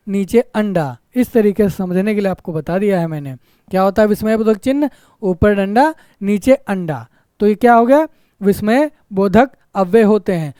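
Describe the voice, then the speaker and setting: A mellow, softly rounded voice of a grammar teacher running an exam-prep lesson. Points come back again and again, each followed by a checking "isn't it?", with short exclamations acted out as examples. The recording is close and dry, with almost no room around it. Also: medium pitch, dry recording. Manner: repetitive, keeps asking "isn't it?" tag questions. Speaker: Hindi teacher.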